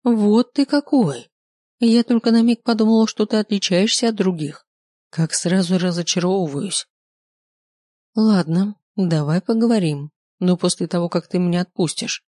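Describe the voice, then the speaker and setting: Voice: mid-range voice, normal speed, mellow, dry recording, clean studio sound, lightly acted. A reader doing a grumbling, defiant young heroine. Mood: indignant. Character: sharp-tongued young woman werewolf heroine. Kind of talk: audiobook character voice.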